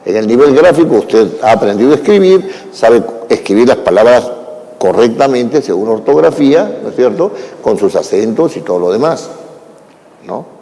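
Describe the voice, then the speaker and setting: A male lecturer addresses a class in an unhurried, explanatory manner, checking in with his listeners as he goes. His voice is dark and mellow, and a long reverb trails each phrase as if the room were a large hall. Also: medium pitch, lively intonation. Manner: unhurried, explanatory, with frequent "¿no?" tags and fillers.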